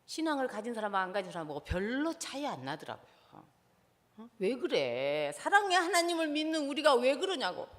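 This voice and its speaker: A high, very lively woman's voice, rising and falling sharply as she lectures with passion in a church hall. She keeps turning to her audience with questions. A long reverb trails after each phrase. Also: fairly quick. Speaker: seminar lecturer, professor.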